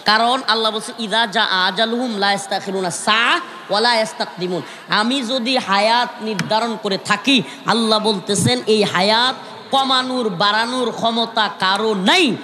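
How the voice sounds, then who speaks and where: A man delivers a night-time sermon to a large gathering, his high, bright voice ringing through a public-address system with long reverb. He rouses the crowd with calls and shifts into sung chanting for the Arabic verses. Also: moderate pace, a little hiss or hum. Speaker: preacher. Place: large outdoor religious gathering.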